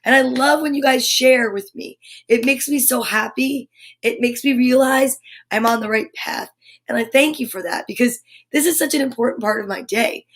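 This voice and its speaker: A woman's voice: a little high, normal speed. A middle-aged woman hosting a live story time, talking in an upbeat, encouraging way about positive affirmations. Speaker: children's story time host. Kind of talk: live-streamed casual pep talk.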